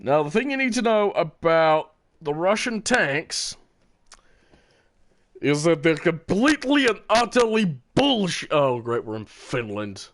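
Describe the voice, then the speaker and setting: Lively, rambling male game streamer. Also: on the high side, a little slow. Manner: rambling, laughs often, repeats words. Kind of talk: casual gameplay commentary.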